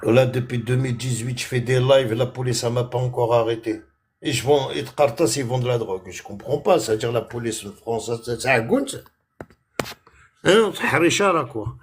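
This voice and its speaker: A man from France with a husky, medium-pitched voice rants on a phone live stream at a moderate pace. Indignant and repetitive, he sprinkles Arabic words into his heated, casual talk.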